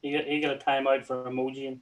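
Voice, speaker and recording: A man's voice: medium pitch, little pitch movement, fast, rough recording. A man co-hosting a casual livestream in an easygoing, teasing way, welcoming viewers. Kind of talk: casual live chat.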